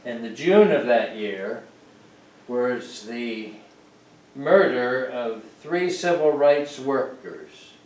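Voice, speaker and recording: An older man delivers a reflective sermon at an unhurried, deliberate pace, weighing each phrase with earnest gravity. His voice sits at an ordinary pitch and carries the reverberant sound of a church sanctuary, caught from a distance with faint room ambience behind. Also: a little hiss or hum. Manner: slow, measured and earnest, pausing between phrases. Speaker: guest speaker at a congregation service. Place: sanctuary of a congregation.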